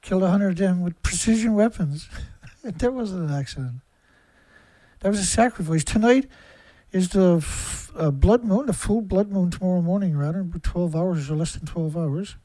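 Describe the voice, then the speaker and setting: On a livestream, the host's high, mellow voice carries an angry, profanity-laced rant driven by relentless rhetorical questions. He talks at normal speed with no echo.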